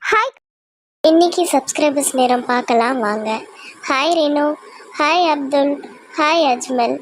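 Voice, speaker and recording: A woman's voice: high voice, measured pace. A woman host giving a cheerful sign-off to her channel's viewers.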